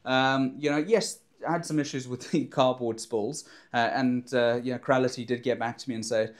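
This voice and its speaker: In a home studio in front of a backdrop, a young man who vlogs about making things and drone surveying talks to camera through a clip-on lapel mic. His mid-range voice moves at a moderate pace, and he's enthusiastic and rambling, full of fillers and restarts, hands gesturing animatedly.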